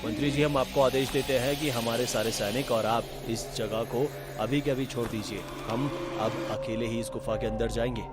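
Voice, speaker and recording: A man's voice: medium pitch, steady tone, normal speed, few pauses, close to an everyday voice. Man playing a firm, commanding king. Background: background music.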